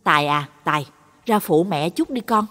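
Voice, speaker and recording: A woman voicing a sharp-tongued middle-aged wife who scolds and hurries her husband, in a reverberant audio story. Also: lively intonation, normal speed. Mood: nagging. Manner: shrill, scolding and nagging.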